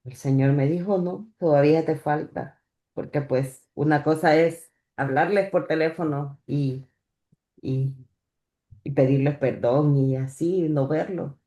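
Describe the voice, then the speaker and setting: A woman giving a personal religious testimony in church. She speaks haltingly, stopping and repeating words as she goes. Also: sits low, mellow. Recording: echoey church room.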